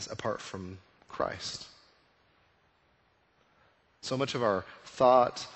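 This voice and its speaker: A man's voice: on the low side, a bit bright. A male pastor preaching a conversational sermon, full of rhetorical questions. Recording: long reverb of a church hall.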